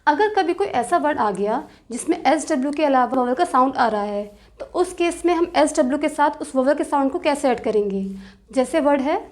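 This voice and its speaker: A woman teaching shorthand step by step, patiently repeating rules and slowly drawing out example words, with terms. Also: high-pitched, animated, a little mellow. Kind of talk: step-by-step tutorial explanation.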